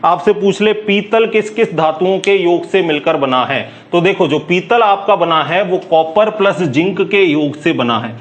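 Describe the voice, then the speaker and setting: A man teaching a chemistry class, firing quick questions at students and answering them himself in a brisk, chatty way. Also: sits high. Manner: calls listeners "bhai", brisk and chatty. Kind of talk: classroom lecture.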